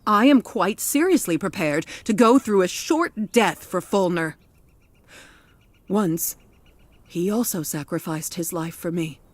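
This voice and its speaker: A woman's voice: fairly low pitch, expressive, a little slow, dry recording. A woman voicing a devoted, headstrong older grandmother in a game cutscene, speaking in an emotional, pleading way. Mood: resolute.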